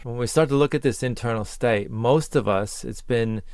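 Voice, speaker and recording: A man's voice: mid-range voice, normal speed, a little mellow, clean tone, no room sound, clean studio sound. A man talking as a voice coach, giving an earnest and encouraging spoken lesson in short listed phrases.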